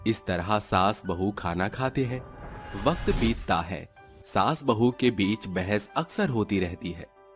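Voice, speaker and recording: A man's voice: on the low side, lively intonation, takes it slowly, over music. A man narrating a cartoon moral story in a scripted, storytelling manner.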